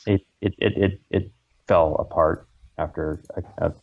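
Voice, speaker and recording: A man co-hosting a relaxed podcast, speaking in a lower register. He gives blunt, offhand opinions and throws in crude jokes. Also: a little slow, creaky, phone-quality sound. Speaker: podcast co-host. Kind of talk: casual chat.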